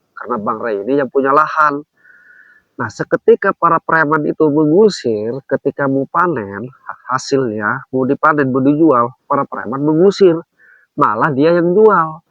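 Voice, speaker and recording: A man hosting a staged confrontation skit who speaks calmly and patiently and keeps urging the other man to relax. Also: mid-range voice, no echo. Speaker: host of the channel. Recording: dull, dry lo-fi audio.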